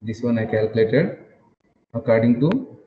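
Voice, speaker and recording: A man lecturing an online engineering class, captured as a screen recording, talking haltingly with repeated phrases and "uh" fillers. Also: medium pitch, expressive. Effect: screen-recorded online class audio. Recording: dull lo-fi roomy sound with faint noise.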